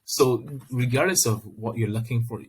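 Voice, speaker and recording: A man with a Barbadian accent talking conversationally on a podcast, explaining and arguing his points in a measured way. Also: mid-range voice, a little hiss or hum. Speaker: podcast speaker. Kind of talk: conversational discussion.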